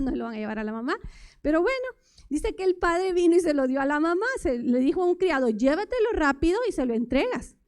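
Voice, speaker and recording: High-voiced woman giving a sermon. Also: darkish tone. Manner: conversational, asks the congregation many rhetorical questions. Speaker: lay preacher. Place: church service.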